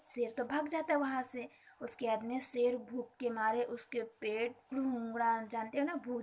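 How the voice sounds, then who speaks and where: A woman teacher telling a story to children, often checking in with them as she explains. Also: fairly high pitch. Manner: addresses children, checks in with "okay".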